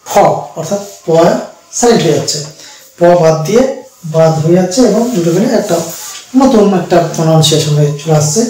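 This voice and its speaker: A man teaching an English pronunciation lesson, explaining slowly and repeating each word. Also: on the high side, mellow, very echoey, far from the mic, slight background noise, poor audio. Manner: slow, repetitive explaining with fillers.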